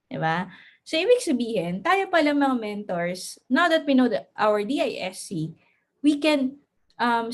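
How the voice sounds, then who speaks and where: A woman giving a motivational lesson to her team as a mentor. She mixes English phrases into her talk, laughs often and stammers at times. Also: fairly high pitch. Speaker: network marketing mentor.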